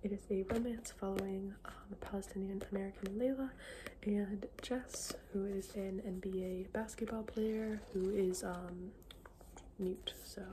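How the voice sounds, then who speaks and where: Whispering ASMR woman, clicks and background noise. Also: medium pitch. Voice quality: soft unvoiced whisper. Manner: informal, halting, often trailing off. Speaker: ASMR book video creator. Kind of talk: whispered ASMR chat about books. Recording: clearly noisy, with clicking sounds.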